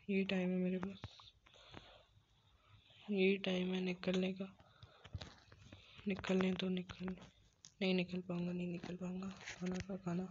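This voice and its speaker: Frantic gamer man muttering to himself. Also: high-pitched. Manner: frantic, repeats words, mutters and whispers to himself; self-scolding, pleading with the game. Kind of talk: solo gameplay commentary. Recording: dull lo-fi mic with faint noise.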